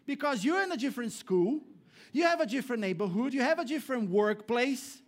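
Brief: male pastor, sermon to a congregation, very high voice, emphatic then hushed. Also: expressive, brisk. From Brazil. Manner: preaching with swings between raised emphatic lines and low hushed ones. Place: church hall before a congregation.

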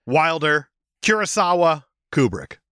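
A man with a bright, forceful voice that swings widely in pitch, recorded dry and close. He co-hosts a casual movie podcast, joking and swearing as he gushes like a devoted fan. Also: very animated, a little slow, smooth, dry recording. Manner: swearing, hyperbolic fan enthusiasm. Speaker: podcast co-host.

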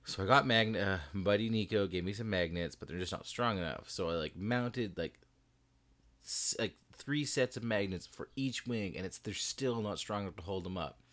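A podcast co-host with a fairly low, slightly bright voice talks at a normal speed, chatting casually and animatedly about a hobby and laughing often. He is recording in a small bedroom with the door shut.

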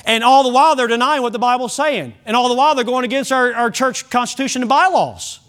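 A man's voice: very high-pitched, fast, a bit bright. A man preaching a Sunday sermon as pastor, earnest and direct, often stumbling over and restarting his words.

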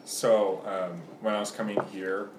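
A man's voice: on the low side, flat delivery, a little slow, background noise. A young man telling a rambling story to friends in an apartment, full of "like". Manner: storytelling with lots of "like". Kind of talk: casual chat among friends. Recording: roomy, with friends chatting.

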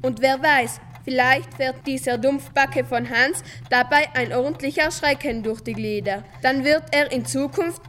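A woman's voice: high-pitched, a little slow, few pauses, fairly bright tone, long reverb tail, slight background noise. A woman reading the part of a grumpy, exasperated father who sends his sons out for beer, in a children's story. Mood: grumbling. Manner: bossy, exasperated. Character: grumpy thirsty middle-aged father. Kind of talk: children's story read aloud.

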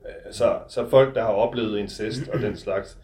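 Low-voiced male author, reads and reflects with a measured, hesitant delivery in an echoey room. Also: steady tone, darkish tone. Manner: measured, reflective, hesitant with fillers when speaking freely. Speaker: author reading and discussing his novel. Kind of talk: literary reading, then interview talk.

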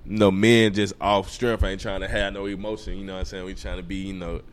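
A man's voice: low-pitched, flat delivery, fairly quick. A man, a producer and songwriter, chatting loosely in an interview, full of slang and "you know what I'm saying.". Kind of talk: casual interview chat.

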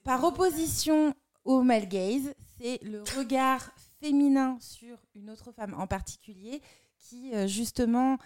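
A woman's voice: high voice, a little slow, a little mellow. A woman presenting a culture segment in casual, upbeat live chat. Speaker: culture columnist.

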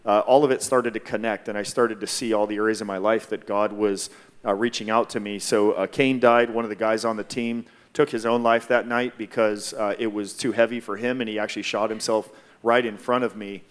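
Sharing his testimony at a church panel, a man from Hawaii talks with a lowish voice and level tone. He is reflective and measured, stopping often to pause.

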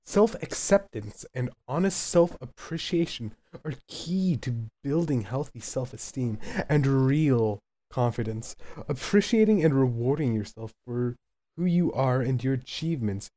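A man's voice: mid-range voice, lively intonation, measured pace, warm tone. A man co-hosting a casual chat, reading self-help passages aloud with dry humor. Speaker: podcast co-host.

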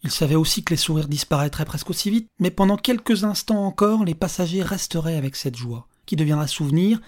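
A narrator reading a story aloud in a calm, measured audiobook style. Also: medium pitch.

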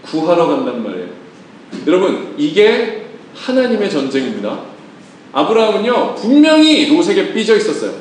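Man, preacher, animated and joking, asks the congregation questions, very echoey room, faint room noise. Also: high voice, normal speed, recorded from a distance. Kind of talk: lively sermon with acted-out quotes.

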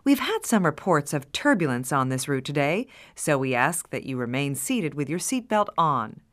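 A woman plays a flight attendant addressing passengers in a scripted cabin announcement. Her voice sits a little low and moves with lively intonation, courteous and formal. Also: normal speed. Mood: courteous, informative.

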